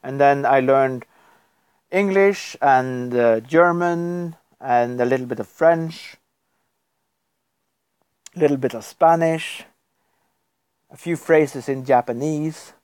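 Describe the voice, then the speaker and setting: Sitting at his computer, a Norwegian man whose first language is Norwegian chats casually on a live stream, rambling and frequently chuckling. His medium-pitched voice is smooth and darkish, slow-paced with long pauses, and there's no echo.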